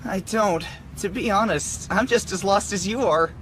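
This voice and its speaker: A woman's voice: mid-range voice, moderate pace, noisy background, natural voice. A woman in an English anime dub voicing a shy, kindly teenage boy with a casual, awkward way of talking. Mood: playful comforting. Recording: music behind the voice.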